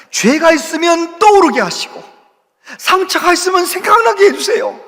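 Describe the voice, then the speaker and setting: A man preaches a sermon in a big church, his pitch swinging wide as he tells a story. His voice sits high for a man and rises and drops sharply. A long hall reverb trails every phrase. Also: a bit bright. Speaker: pastor. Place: large church sanctuary.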